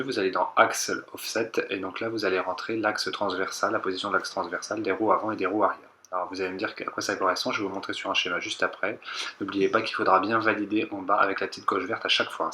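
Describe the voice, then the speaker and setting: A man calmly walking viewers through a technical car procedure step by step, repeating instructions and hedging his own interpretation. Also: fairly low pitch, fast talker, a little hiss or hum. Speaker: car tech tutorial maker. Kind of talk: step-by-step voice-over tutorial.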